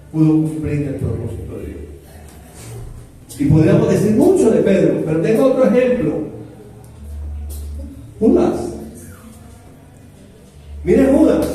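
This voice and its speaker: A man's voice: sits high, dark tone. A man preaching a sermon, telling Bible stories with dramatic rises and drops in his voice. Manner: storytelling with dramatic rises and falls. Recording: echoey room, mic at a distance.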